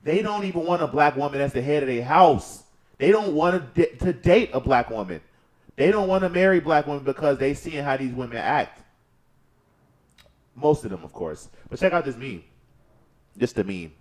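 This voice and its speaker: A man's voice: a little high, expressive, moderate pace. A man co-hosting a casual reaction show, talking in a blunt, profane, mocking way with stammered restarts. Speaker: co-host.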